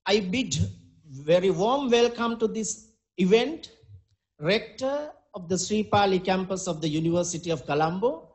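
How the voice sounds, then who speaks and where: A man with a notably high voice and a Sri Lankan accent delivers a formal welcome speech. His phrasing is ceremonious and halting, as if reading out a prepared address. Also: darkish tone. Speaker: faculty dean giving a welcome address.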